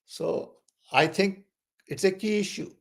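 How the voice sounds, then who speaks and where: A man speaking as a guest in a panel discussion, making measured points. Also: sits high, vocal fry. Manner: deliberate, measured explanations. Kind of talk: discussion talk.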